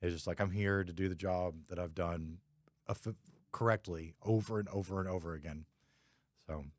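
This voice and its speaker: A man's voice: sits low, steady tone, moderate pace, no room sound, studio quality. A man hosting a podcast, chatting casually in a laid-back, rambling way full of fillers. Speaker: podcast host, photographer. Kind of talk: casual chat.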